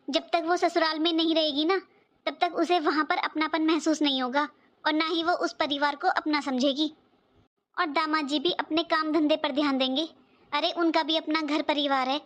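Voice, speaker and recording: A woman's voice: high-pitched, fairly even intonation, normal speed, a bit bright. A woman voicing a worried mother in a cartoon who lectures her married daughter about duty. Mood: reflective. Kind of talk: cartoon voice acting.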